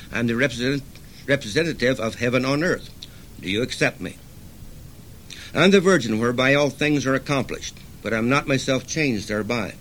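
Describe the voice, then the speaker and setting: An older man, a poet, reading his own verse in a measured, solemn recital, with hesitant asides between pieces. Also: medium pitch, fairly bright tone, a little hiss or hum. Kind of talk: poetry reading.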